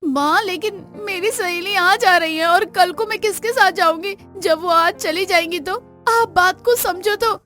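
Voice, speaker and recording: A woman's voice: high voice, normal speed, faint music behind, close to an everyday voice. A woman voicing a young, outspoken girl in a cartoon, pleading and indignant. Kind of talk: Hindi cartoon voice acting.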